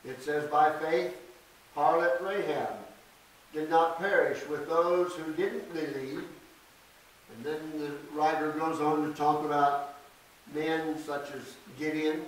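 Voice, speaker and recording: Older male preacher, slow deliberate delivery, fairly high voice, echoey church picked up from afar. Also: fairly even intonation. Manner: slow, deliberate scripture reading with emphatic stresses. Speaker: pastor. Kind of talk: sermon. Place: small church sanctuary. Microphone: podium mic from a distance. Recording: echoey church, distant mic, faint hiss.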